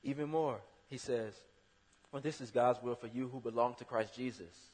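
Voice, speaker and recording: A man delivers a sermon in a husky voice of middling pitch. He keeps it conversational but punches key words loudly. The sound carries a long hall reverb. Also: moderate pace. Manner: conversational, with sudden loud emphatic bursts. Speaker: preacher.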